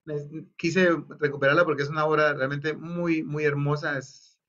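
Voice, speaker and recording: A man's voice: a little high, fairly even intonation, normal speed, bright, forceful tone, dull audio. Man leading a choir rehearsal online. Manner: explains, then demonstrates by half-singing phrases. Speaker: choir director. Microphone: video call.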